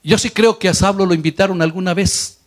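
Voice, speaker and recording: Man, pastor, sermon, high voice, earnest preaching. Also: brisk. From Latin America. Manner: earnest preaching, voice rising on quoted lines.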